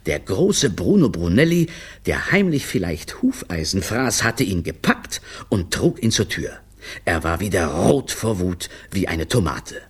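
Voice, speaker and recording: A man narrating a children's audiobook with a lively, expressive reading. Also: low-pitched, measured pace, slightly rough.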